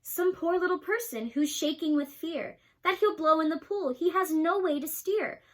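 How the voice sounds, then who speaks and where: Horton, a young woman doing a gentle elephant. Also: very high-pitched, moderate pace, voice pushed up. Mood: earnest. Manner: earnest, pleading. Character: kind earnest male elephant, large and gentle.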